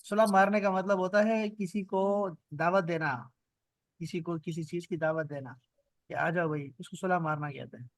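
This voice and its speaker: A man with a Pakistani Urdu accent teaches an online class over a video call. His voice sits high and sounds dry and close to the mic. He repeats words patiently and checks in with his students often. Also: steady tone, no room sound. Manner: patient, repeats words slowly for students, asks "theek hai?". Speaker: Arabic and Quran grammar teacher.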